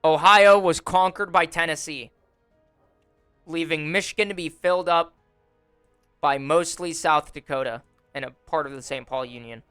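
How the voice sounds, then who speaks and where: A young man giving relaxed, wry commentary on a strategy game simulation, with frequent fillers, recorded close on a desk mic at home. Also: fairly high pitch, normal speed, smooth, no room sound. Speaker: gaming YouTuber. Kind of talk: casual gameplay commentary. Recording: dry close voice over faint music. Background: faint background music.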